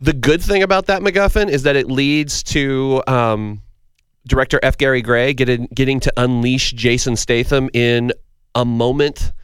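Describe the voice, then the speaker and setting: A man, a film critic on a podcast, cracking quick jokes and praising action scenes. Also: mid-range voice, steady tone, clear, resonant tone, no echo. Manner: joking quips, enthusiastic about action scenes. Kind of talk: casual podcast chat.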